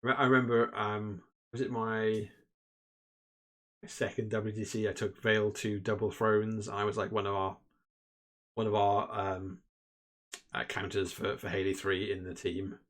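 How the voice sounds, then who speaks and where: A man with a lowish voice casually commentating a tabletop wargame stream. He rambles and restarts his sentences often, filling gaps with ums and likes. The talk stays relaxed and conversational. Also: a little slow, long pauses. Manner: chatty, many fillers and restarts. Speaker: host and commentator. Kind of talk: casual live game commentary.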